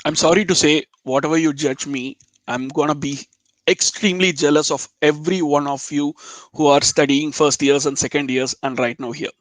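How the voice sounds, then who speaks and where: Higher-pitched Telugu Indian man, chatting informally. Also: fairly even intonation, normal speed, dry recording, poor audio. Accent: Telugu Indian, from Chennai. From Chennai, India. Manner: informal, digressive, jokey. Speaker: guest speaker, web developer. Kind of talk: casual webinar chat.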